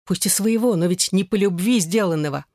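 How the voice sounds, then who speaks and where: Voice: mid-range voice, fairly quick, a little mellow, dry recording. Dry, close audiobook narrator.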